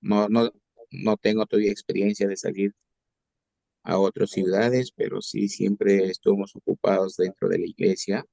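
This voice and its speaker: Low gravelly guy, warm dark tone, formal church intro. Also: level tone, normal speed, no echo. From Peru. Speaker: church counselor student. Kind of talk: self-introduction on a video call.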